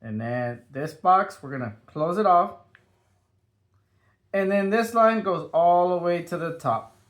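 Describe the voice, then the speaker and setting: A man with a high, light voice walks children through a drawing lesson one step at a time. He keeps things upbeat and sing-song, tossing in little whooshes and boops as he sketches. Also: expressive, measured pace. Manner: upbeat, sing-song, adds playful sound effects.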